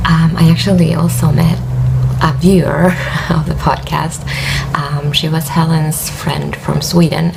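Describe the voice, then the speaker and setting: A tired Finnish woman with a Finnish accent and a worn voice hosts a knitting podcast in a casual vlog chat. She rambles hesitantly, full of fillers and soft laughs, her deep voice creaky against heavy background noise.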